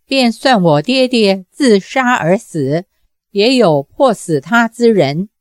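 A woman's voice: medium pitch, lively intonation, takes it slowly, dry recording, clean studio sound. A woman reading the lines of a tense, suspicious teenage boy with a tight, guarded delivery. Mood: accusing.

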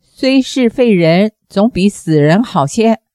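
A woman voicing a brash, quarrelsome male martial-arts brother who bickers bluntly in a slow, mellow storybook reading. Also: medium pitch, animated, dry recording, studio quality. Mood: bickering.

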